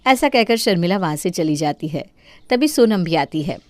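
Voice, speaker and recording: A woman's voice: on the low side, animated, moderate pace, a little mellow, no room sound. Woman narrating a cartoon story.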